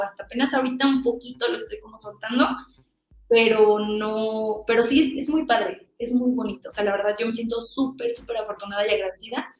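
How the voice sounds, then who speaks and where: A Mexican woman telling a lively story in an interview, acting out quoted dialogue in a chatty, animated way. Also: a little high, reverberant, rough recording. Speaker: guest voice actress.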